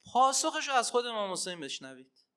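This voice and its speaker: A man preaching a religious sermon and telling stories, swinging between loud emphatic cries and hushed asides. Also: very high voice, big pitch swings, clean tone. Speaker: preacher and Arabic teacher.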